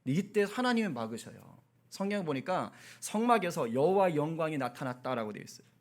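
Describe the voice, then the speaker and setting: Male pastor, high voice, animated and chatty sermon delivery. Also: a little fast. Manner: animated, conversational preaching with asides to the congregation.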